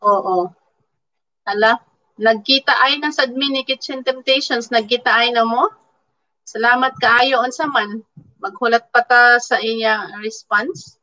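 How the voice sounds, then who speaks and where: Bright-voiced Filipino woman chatting on a live stream. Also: on the high side, steady tone, moderate pace, muffled recording. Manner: chatty, code-switching, thanks viewers by name, frequent fillers. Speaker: vlogger chatting with live viewers. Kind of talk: casual live-stream chat. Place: indoors at home in Canada.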